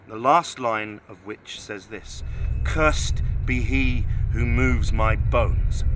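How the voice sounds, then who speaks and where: Theatrical male ghost tour guide, street noise. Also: mid-range voice. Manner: theatrical, deliberate ghost tour guide storytelling with dramatic pauses. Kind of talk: dramatic guided-tour narration with recited verse. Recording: clear outdoor street noise, passing traffic.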